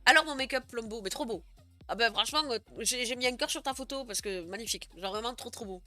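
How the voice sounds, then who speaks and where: A woman's voice: on the high side, fast talker, pushed and bright. A young woman streamer chatting casually with her viewers, giggling often and filling her talk with "euh" and "genre". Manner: chatty, giggly, many fillers. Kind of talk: casual live stream chat.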